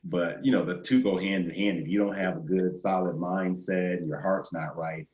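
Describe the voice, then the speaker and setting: A man's voice: low voice, steady tone, moderate pace, a little mellow. A male host interviewing a guest over a video call, asking long meandering questions. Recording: roomy, muffled video-call audio.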